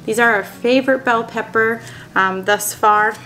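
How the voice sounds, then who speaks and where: A woman's voice: fairly high pitch, measured pace, pushed and bright, slight background noise. A woman in her thirties from Minnesota, chatting casually to camera in a dining room and showing seed packets, upbeat with frequent ums. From Minnesota, USA. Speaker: homesteading vlogger. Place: small indoor dining room at a wooden table.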